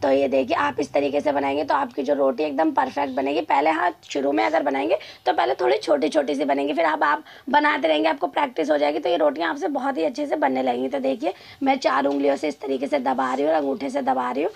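A woman with a high voice and a strongly gravelly, creaky edge hosts a home cooking lesson. She talks in a steady, repetitive, instructive way, narrating each step as she kneads dough in a home kitchen. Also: fast, hardly any pauses. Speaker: cooking channel host. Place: home kitchen with a clay stove.

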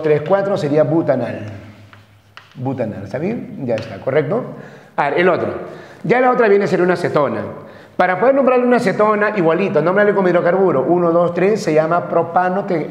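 A man's voice: on the high side, expressive, quick pace, dull audio. A man from Peru lecturing a chemistry class, who repeats each term and keeps checking that the students follow. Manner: repeats terms, checks with frequent questions. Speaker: chemistry teacher. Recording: echoey classroom with long reverb.

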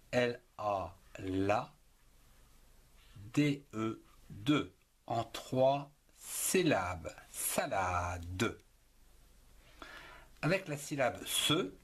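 A man teaching reading and writing, spelling words letter by letter and splitting them into syllables in a deliberate teacherly way. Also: mid-range voice, breathy edge. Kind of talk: slow spelling and syllable lesson.

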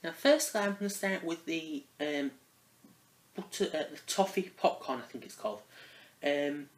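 A man's voice: a little high, moderate pace. A man giving a casual spoken product review, rambling and hesitant, often restarting his phrases. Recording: roomy echo.

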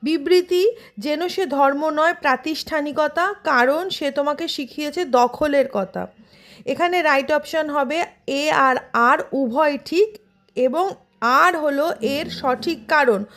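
A woman's voice: high voice, slow, a bit bright. A woman teacher with a Bengali accent from West Bengal, reading out multiple-choice questions and their options, then giving the right answer. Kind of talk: exam revision lesson.

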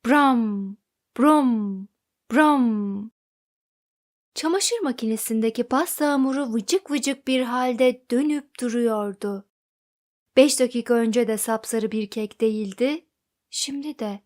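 A woman narrating a children's storybook in an expressive read-aloud manner. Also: on the high side, unhurried.

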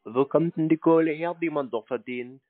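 The recipient of a prank call, a man with a slightly high voice, chats casually at a moderate pace. He sounds laconic, colloquial and a bit naive. The audio is dry and narrow, like a phone line.

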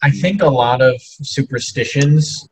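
A man's voice: medium pitch, a little slow, reverberant, rough recording. A man from the United States with an American accent, chatting casually and repeating words as he explains. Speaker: English teacher as podcast co-host. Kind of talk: casual chat.

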